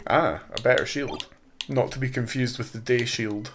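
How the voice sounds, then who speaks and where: A man's voice: mid-range voice, fairly even intonation, moderate pace, noisy background. A young man joking and laughing as he co-hosts a let's play. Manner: jokey, laughs often, puts on silly Russian accent. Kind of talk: casual gaming banter. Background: game music.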